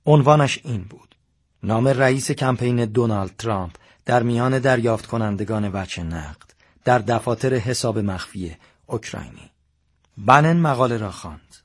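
A man narrating an audiobook in an even, measured reading. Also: mid-range voice, breathy edge. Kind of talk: scripted narration.

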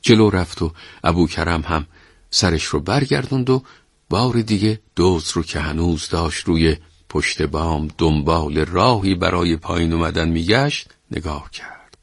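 A male storyteller reads a folktale aloud and talks to his listeners as friends. His voice is low and even. The recording is close and dry, with no room echo. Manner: addresses listeners directly, measured. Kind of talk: folktale narration.

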